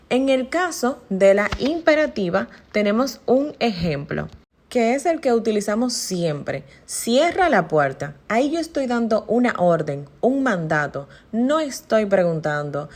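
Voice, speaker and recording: A woman gives a grammar lesson with a lively, bouncing pitch. She explains step by step, pausing on fillers and working through examples. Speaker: teacher.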